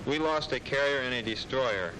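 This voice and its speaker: A man's voice: mid-range voice, moderate pace, noisy background. An American man narrating a 1940s war newsreel as a sailor, in a grave, plainspoken, colloquial storytelling way. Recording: old 1940s newsreel soundtrack, loud music. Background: loud music.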